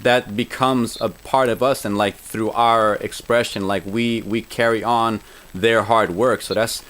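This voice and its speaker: A man's voice: fairly low pitch, fairly even intonation, unhurried, fairly bright tone. A man interviewing a guest in casual chat, reflective and earnest, with a lot of "like" in his phrasing.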